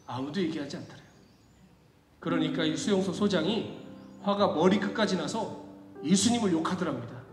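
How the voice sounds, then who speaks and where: A male pastor preaching a sermon, telling a story dramatically and swinging from hushed tones to shouting. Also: sits high. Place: church sanctuary. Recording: echoey hall with faint music.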